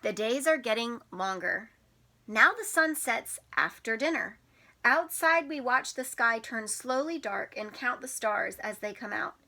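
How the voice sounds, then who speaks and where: A woman teacher reads a picture book aloud to young children, her voice on the high side with lively intonation, a little slow and sharp in tone. She explains things simply, stresses key words expressively, and asks the kids questions.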